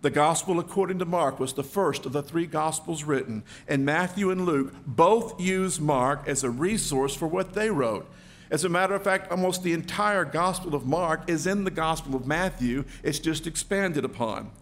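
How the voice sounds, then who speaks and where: A man preaching a sermon, telling the story vividly and acting out the quoted voices. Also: normal speed. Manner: storytelling, acting out quoted voices with big swings in pitch and loudness. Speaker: pastor.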